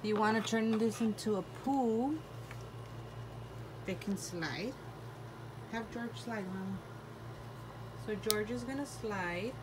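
A young mother speaks at a medium pitch, slowly and with frequent pauses, as she unboxes a toy in her bedroom for a casual review video. Chatty throughout, she names each piece and plays along with her daughter. The home phone audio is noisy.

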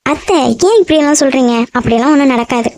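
A woman voicing a sweet, naive young woman in love in a cartoon, pleading and soft-spoken. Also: sits high, animated, quick pace. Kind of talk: animated cartoon voice acting.

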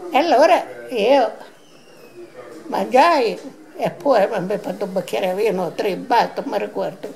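An elderly woman in her eighties with a southern Italian accent and a gravelly voice, telling old stories casually in dialect as a grandmother, re-enacting bits of old dialogue. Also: mid-range voice, a little slow, a little mellow. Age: 80s. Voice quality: gravelly, aged voice. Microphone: handheld camera at arm's length.

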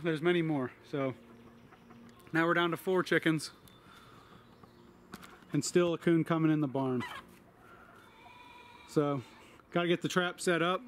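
A man's voice: a little high, fairly bright tone, a little hiss or hum. A man giving a casual walkthrough of his homestead building site, talking in a plain, matter-of-fact way with fillers. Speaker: homesteader vlogger.

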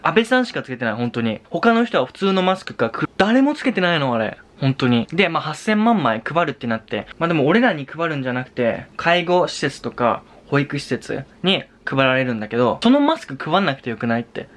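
A man's voice: a little high, sing-song, brisk, few pauses, a bit bright. Young Japanese man ranting casually. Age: young adult. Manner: exasperated, repetitive, switching into English swearing. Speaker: vlogger and Japanese tutor. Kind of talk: casual vlog rant.

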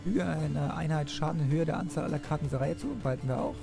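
Quick, higher-voiced man with creaky edge. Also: fairly even intonation. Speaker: let's play host. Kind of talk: casual gameplay commentary, reading on-screen texts aloud. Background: game music.

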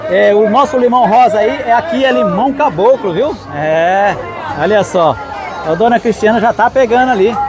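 A man's voice: high-pitched, moderate pace. A Brazilian man hosting a vlog, giving casual, enthusiastic commentary to his viewers as he walks through a market. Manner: enthusiastic, addressing viewers directly. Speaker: vlog host. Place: outdoor street market. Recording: busy street crowd and traffic noise. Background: market crowd, vehicles.

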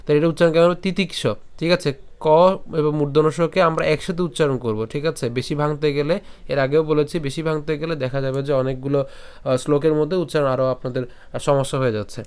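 A man's voice: fairly high pitch, steady tone, darkish tone, smooth. Patient man teaching scripture pronunciation. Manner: patient, repeats syllables slowly and breaks words apart. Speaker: Gita recitation teacher. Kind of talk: pronunciation lesson with slow chanted recitation.

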